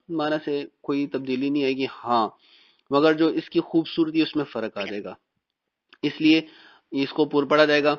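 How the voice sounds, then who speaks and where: Patient male Quran reading teacher. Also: fairly high pitch. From Pakistan. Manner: patient, explanatory, repeats and drills the sounds slowly. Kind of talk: recorded lesson on reading letters. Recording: dull, muffled recording.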